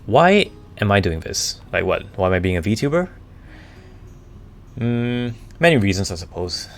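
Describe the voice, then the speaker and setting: A man chatting casually on a live stream, answering questions in a halting way as he searches for the right words. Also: on the low side, sing-song, slight background noise. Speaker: streamer, VTuber. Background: background music.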